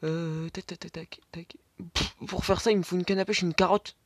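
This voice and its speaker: A man's voice: high voice, steady tone, moderate pace, a little hiss or hum. A man narrating his Minecraft game, talking to himself, swearing and sometimes dropping to a whisper. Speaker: gaming YouTuber. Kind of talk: Minecraft let's play commentary. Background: keyboard and mouse clicks.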